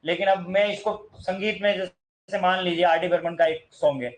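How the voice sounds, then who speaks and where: High-voiced man teaching a grammar lesson. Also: steady tone, a little fast, low-quality recording. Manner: sings snatches of songs to show long vowels; asks students questions and answers them himself.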